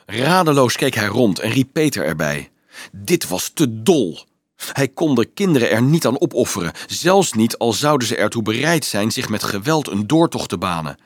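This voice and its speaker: A man narrating an audiobook in a measured, dramatic way. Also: lowish voice, no echo, studio quality. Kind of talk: audiobook reading.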